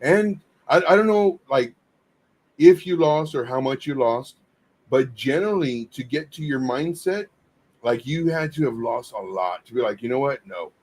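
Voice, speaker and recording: A man co-hosting a casual crypto livestream, teasing and halting with frequent restarts. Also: mid-range voice, lively intonation, a little mellow. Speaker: co-host.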